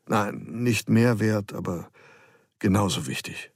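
A man's voice: fairly low pitch, slow, slightly rough, dry recording, studio quality, full character voice. A male reader voicing an aging, gout-ridden former emperor who gives short, tired commands to a boy. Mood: reflective. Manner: terse, tired paternal commands.

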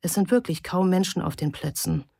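Low-voiced woman reading an audiobook. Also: brisk, creaky, warm tone, no room sound, studio quality. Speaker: audiobook narrator. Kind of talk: scripted narration.

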